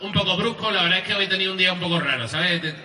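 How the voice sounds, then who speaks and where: A man's voice: high-pitched, racing, pushed and bright, roomy sound, recorded from a distance. A man from Andalusia with an Andalusian accent doing a rambling, crude, self-mocking stand-up routine. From Andalusia, Spain. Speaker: stand-up comedian. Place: live comedy venue. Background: audience laughter and applause.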